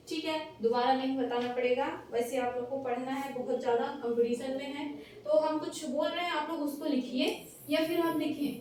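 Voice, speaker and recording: A woman teacher giving a classroom lesson, repeating phrases, checking that students follow, and dictating notes slowly. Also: high voice, darkish tone. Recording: echoey room, mic far off, faint noise.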